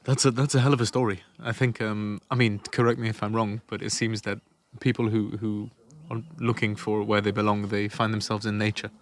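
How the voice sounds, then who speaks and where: A man hosting a podcast conversation outdoors, with a fairly low voice. He laughs often and keeps up a stream of short, warm replies as his guest talks. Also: level tone. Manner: friendly, laughs often, quick encouraging replies. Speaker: podcast host. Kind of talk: casual interview. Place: outdoors on a walking trail.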